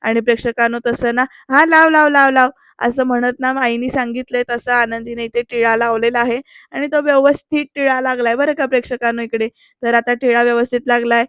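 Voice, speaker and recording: A woman walks viewers through a TV serial episode in a chatty, storytelling way, addressing them directly. Her voice is smooth and clear and sits fairly high. It sounds dry and close. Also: little pitch movement, fairly quick, dry recording. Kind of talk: chatty episode recap narration.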